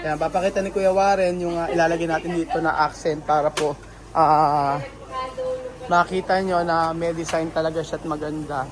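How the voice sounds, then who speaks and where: A man's voice: a little high, little pitch movement, normal speed, a crowd in the background, rough recording. Chatty Filipino man vlogging a renovation. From Philippines. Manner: chatty, thinks aloud with many fillers and restarts. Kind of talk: casual vlog commentary to viewers. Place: house under renovation.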